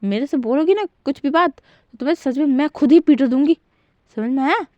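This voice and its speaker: A woman's voice: high-pitched, a little fast, a little mellow, no room sound, dull audio, pitched above the performer's own voice, lightly acted. A woman voicing a stern middle-aged mother who scolds her daughter harshly through gritted teeth. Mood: scolding.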